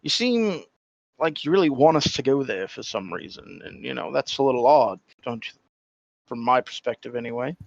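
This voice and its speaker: A man's voice: mid-range voice, very animated, moderate pace, gravelly, dry recording, muffled recording. A man who is a player in a tabletop game, speaking in a hedging, roundabout way. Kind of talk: tabletop role-play.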